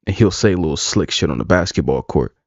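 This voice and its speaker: A man's voice: low-pitched, expressive, brisk, no echo. A man streaming live, talking casually, rambling and bluntly profane. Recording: dull lo-fi dry sound.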